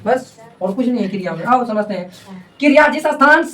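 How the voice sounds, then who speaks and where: A woman's voice: on the high side, lively intonation, fairly quick. A woman teacher leading a classroom grammar lesson, asking questions over and over and having pupils repeat answers. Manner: repetitive call-and-response questioning. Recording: voice distant from the mic.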